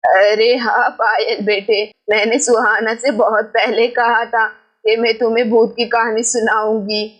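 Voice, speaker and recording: A woman voicing an elderly village grandmother in a doll story. She speaks slowly in a lowered, doting voice. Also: little pitch movement, highs cut off. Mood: indulgent.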